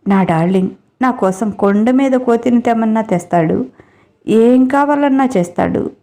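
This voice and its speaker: A woman's voice: on the high side, normal speed, dark tone, natural voice. A woman voicing a drunk young woman who taunts and mocks, in a storybook reading. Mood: mocking. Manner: taunting, jeering.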